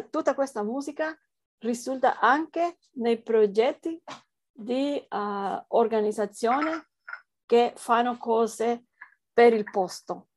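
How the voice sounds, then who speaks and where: A woman's voice: fairly high pitch, a little mellow, dry recording. A woman researcher with a foreign accent, answering interview questions hesitantly as she searches for words in a language that is not her first. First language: not Italian, speaks it as a foreign language.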